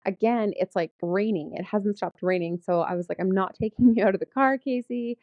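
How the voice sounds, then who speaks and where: A woman in her thirties, a vlogger telling a story in casual chat, animated and laughing often as she talks. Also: medium pitch, a little fast, no room sound, lo-fi sound.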